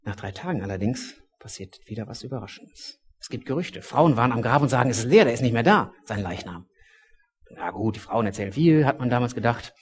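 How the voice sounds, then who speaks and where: A man preaching a sermon, telling a story with dramatic swings between loud and hushed speech. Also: mid-range voice, expressive, fairly quick.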